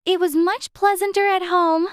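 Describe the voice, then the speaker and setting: A man's voice: extremely high pitch, little pitch movement, moderate pace, fairly bright tone, no echo, clean studio sound, pitched above the performer's own voice. A man voicing Alice, a curious, polite little girl who chatters to herself in a prim, wondering way.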